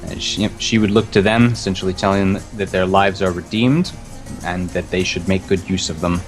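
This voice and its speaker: A man narrating as game master of a tabletop game, halting and restarting as he goes. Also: sits low, steady tone, soft background music.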